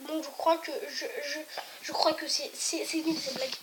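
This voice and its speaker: A woman's voice: high voice, steady tone, normal speed, background noise. A woman telling jokes casually to her viewers, hesitant and rambling, stopping to restart and apologize. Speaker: joke teller. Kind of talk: casual joke telling to camera.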